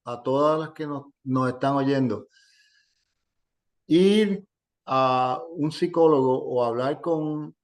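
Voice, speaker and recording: A middle-aged man, a gynecologist giving calm advice in a casual educational talk, with many fillers. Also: medium pitch. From Puerto Rico. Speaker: gynecologist guest.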